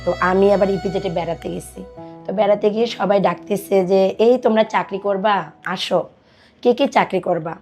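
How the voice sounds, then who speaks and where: With music running under the recording, a woman from Dinajpur, Bangladesh, in her twenties, talks in a mid-range voice at a normal pace with a darkish tone. She is a guest on a podcast, sharing her life story conversationally and repeating things others told her.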